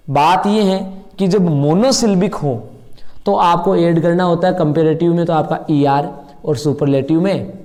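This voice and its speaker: A middle-aged man gives a classroom grammar lesson in a mellow, warm voice pitched a little high for a man. He explains each point step by step, often asking a question and then answering it himself. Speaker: English teacher.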